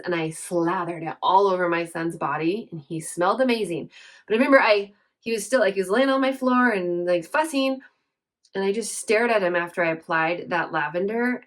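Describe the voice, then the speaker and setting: A woman, a mother, chatting casually through home remedy tips, earnest and chatty, often searching for words. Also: on the low side. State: briefly teary. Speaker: essential oils seller. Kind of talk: casual how-to chat.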